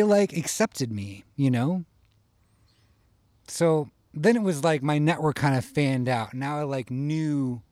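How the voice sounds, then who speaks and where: A man's voice: medium pitch, darkish tone, dry recording. A man from Iowa telling a casual personal story, rambling and profane, tagging his lines with "you know?". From Iowa, USA.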